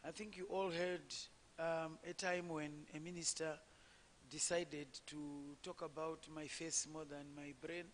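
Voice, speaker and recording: A woman politician from Zimbabwe with a low voice often mistaken for a man's, sharing her experience on a conference panel in a measured way, with frequent fillers and restarts. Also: level tone, a little hiss or hum. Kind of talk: personal account on a conference panel. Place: conference hall. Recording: long hall reverb.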